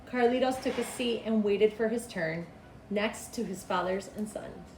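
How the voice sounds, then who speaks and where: A middle-aged school principal reads a children's storybook aloud, expressive and deliberate, in a mid-range voice with faint music behind. She's in a small cinderblock schoolroom, recorded by a camera a couple of meters away, and the room is echoey with clear background noise.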